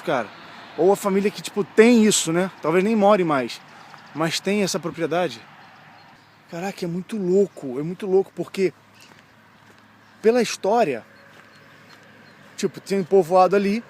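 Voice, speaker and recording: A man's voice: high-pitched, a little mellow, slight background noise. A young man from Brazil, chatting casually and slangily while walking outdoors as a travel vlogger, easily amazed. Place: outdoors on a town street.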